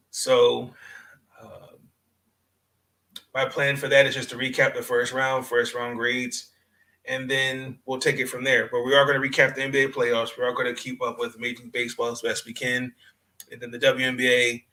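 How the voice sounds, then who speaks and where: Guy podcast host, bright punchy voice, mid pitch, chatting sports casually, halting, repeats himself. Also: rough recording. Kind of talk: casual unscripted sports talk.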